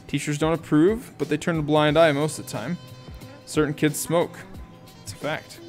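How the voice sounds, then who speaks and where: A man with a slightly high voice reads a novel aloud in a relaxed, amateur audiobook style. He breaks off now and then for little asides and corrects himself as he goes. Soft music plays faintly behind him. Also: moderate pace. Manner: casual reading with asides and self-corrections. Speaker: audiobook reader.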